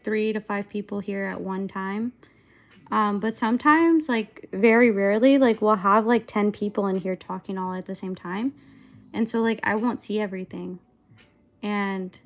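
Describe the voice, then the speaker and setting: A woman in her twenties chatting casually on a livestream while she animates, rambling and hesitant, with lots of filler words. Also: fairly high pitch. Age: 20s. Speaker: streamer and animator.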